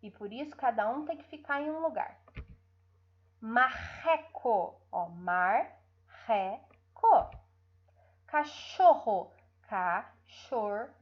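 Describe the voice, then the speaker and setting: A Brazilian woman teacher speaks in a bouncy, sing-song voice on a dull, lo-fi recording. She talks slowly and stretches out her syllables, pausing often to check that her young pupils follow. Her voice sits a little higher than most women's. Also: expressive. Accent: Brazilian Portuguese. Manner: drawn-out syllables, frequent checking tags. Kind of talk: online lesson for young pupils.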